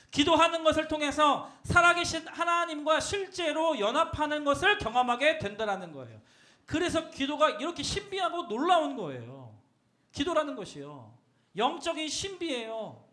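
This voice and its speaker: A young man preaches to middle schoolers in a bright, ringing voice. His pitch swoops up and down as he acts out the kids' complaints and keeps firing the same question back at them. The delivery stays animated throughout. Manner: animated, acts out students' voices and repeats call-and-response questions. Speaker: youth pastor.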